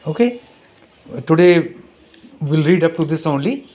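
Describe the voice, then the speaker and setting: A man's voice: on the high side, animated, mellow. Indian man reading a school textbook aloud. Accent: Indian English. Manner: reads slowly and repeats passages, stumbles over hard words. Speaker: teacher. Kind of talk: recorded classroom lesson, reading a textbook aloud.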